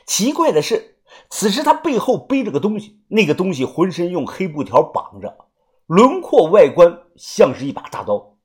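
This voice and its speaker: Man narrating with lively swings of pitch. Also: normal speed. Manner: casual storytelling, swings of pitch. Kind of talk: first-person audiobook narration.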